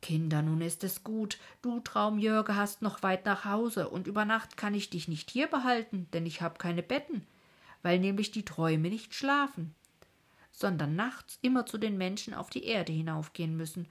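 A kindly old king of dreams speaks patiently and a little fussily, as a woman reads him aloud. His voice sits somewhat raised and louder than the narration, with a breathy edge. A gentle storybook monarch. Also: mid-range voice, lively intonation, normal speed, natural voice.

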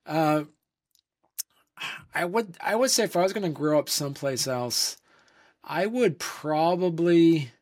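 A man's voice: on the high side, animated, unhurried, pauses often, darkish tone. A man from Vermont, a comic creator, answering interview questions in a rambling casual way, with many fillers and restarts.

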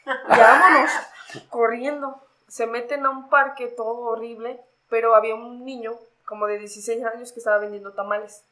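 A woman's voice: a little high, moderate pace, poor audio. A young Mexican woman with a Mexican Spanish accent, a podcast guest casually telling a story and acting out the voices of the people in it. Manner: animated, acts out quoted voices.

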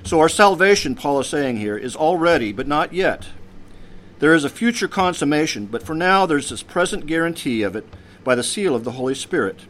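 A priest giving a measured sermon, his voice dropping at the end of phrases. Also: fairly high pitch, lively intonation, a bit bright. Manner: measured preaching with pauses, voice drops at phrase ends.

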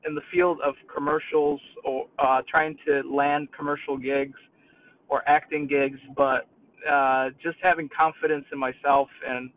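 A man's voice: medium pitch, little pitch movement, a little slow. A young man with a New York accent, telling personal stories casually to his channel, often restarting and correcting himself. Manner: rambling, self-correcting with many restarts. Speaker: YouTube creator. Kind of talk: casual personal storytelling to camera. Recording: distant, tinny phone-like sound.

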